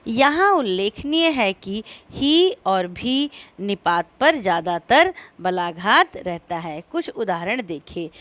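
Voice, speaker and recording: A woman teacher explaining a grammar lesson to pupils, stressing each example word clearly. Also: medium pitch, a bit bright. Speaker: school teacher.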